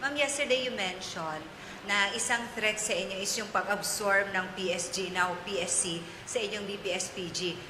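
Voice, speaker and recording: A woman's voice: medium pitch, moderate pace. A woman reporter with a Filipino accent hesitantly asking a question, switching between English and Filipino. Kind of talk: press question. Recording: echoey hall with clear noise.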